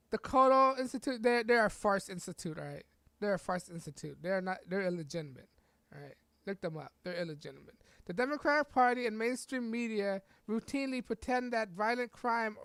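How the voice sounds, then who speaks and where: A woman hosting a podcast, reading an article aloud in halting, stumbling bursts and breaking off for heated, scornful asides. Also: fairly high pitch, a bit bright, dry recording. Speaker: podcast host.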